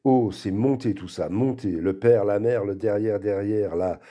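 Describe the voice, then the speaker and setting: A man giving an expressive literary reading aloud and acting out the quoted lines. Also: on the low side, a little slow. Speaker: reader.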